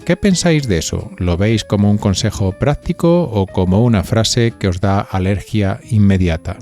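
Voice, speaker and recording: Soft music plays beneath this man from Spain as he hosts a podcast, mixing scripted narration with chatty questions to the audience. He speaks with a lowish, mellow, expressive voice at normal speed.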